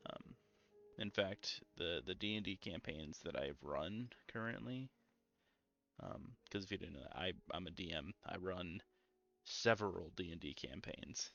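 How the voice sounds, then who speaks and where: A young man streaming a game in a calm, low-energy, mellow way, full of ums and easy asides. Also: unhurried, gravelly. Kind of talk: casual gameplay stream chat. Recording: slightly muffled lo-fi audio with faint music.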